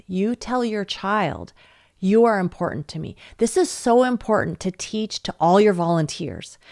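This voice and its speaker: A woman in her forties is speaking to parents from her home office on a webinar. She talks in an upbeat, lively way, laughs easily and acts out the voices of the kids and parents she quotes. Her voice sits at a middle pitch and is recorded close and dry on a computer mic. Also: no echo. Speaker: webinar presenter. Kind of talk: teaching webinar talk to parents. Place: home office, not in the same room as her audience.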